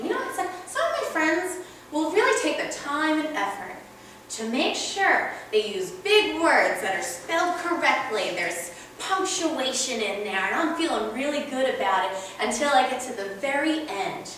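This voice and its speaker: A woman's voice: high voice, expressive, moderate pace, fairly bright tone. A young woman from New York doing a stand-up comedy set, ranting in an exasperated way and laughing at her own jokes. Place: small comedy club stage. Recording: echoey club heard from far off, noisy.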